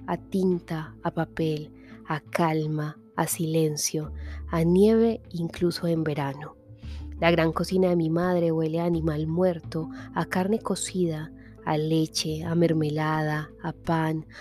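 A woman giving a soft, measured literary reading that sometimes drops to a whisper. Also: on the low side. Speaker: reader.

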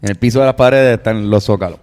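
Joking podcast host. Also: male voice, lowish voice, quick pace, a little mellow, in a large hall. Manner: joking, teasing. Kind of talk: casual podcast chat.

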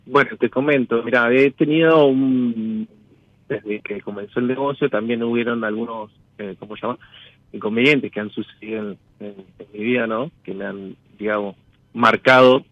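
A man's voice: medium pitch, steady tone, moderate pace, no echo, narrow, tinny audio. A man speaking hesitantly and in a roundabout way as a caller in a personal consultation. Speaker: caller seeking a tarot consultation.

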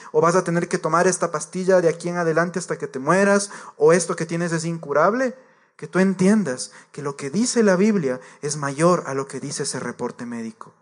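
Delivering a sermon in a slightly high voice, a man addresses the congregation as believers. His manner is earnest and straightforward, and he restates his points again and again.

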